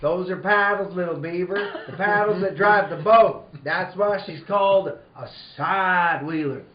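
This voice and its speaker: A man acts out a good-humoured cowboy leader from an old radio western. The voice sits high for a man and talks with folksy, hearty authority. The sound is dull and echoes off the room. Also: a little slow, a crowd in the background. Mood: amused, explaining.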